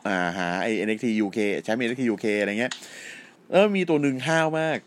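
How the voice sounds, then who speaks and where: A young man co-hosting a casual podcast, retelling events in a profane, animated way with rough slang. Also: medium pitch, fast. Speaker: podcast co-host. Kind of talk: casual crude chat about wrestling.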